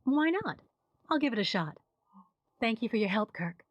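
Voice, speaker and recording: A woman voicing a composed adult female adventurer in a video game, talking in a calm, matter-of-fact way with a slightly breathy voice. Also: fairly high pitch, normal speed, no room sound, highs cut off. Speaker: game protagonist.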